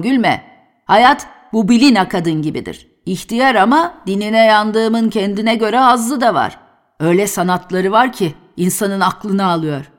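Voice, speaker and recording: A woman voicing a boisterous, earthy old male workman in a dramatic novel reading, lively and exclaiming. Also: mid-range voice, natural voice.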